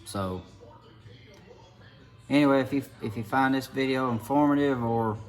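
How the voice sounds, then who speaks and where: A man's voice: medium pitch, normal speed, soft background music. Folksy man with an Appalachian hillbilly accent. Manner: folksy, rambling. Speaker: mechanic video creator. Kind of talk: casual hands-on tutorial vlog.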